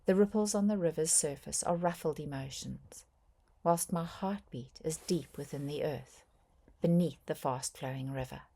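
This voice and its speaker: In a soft, breathy, low-pitched voice, a woman reads a scripted guided meditation. Her phrasing is gentle and measured, broken by frequent pauses.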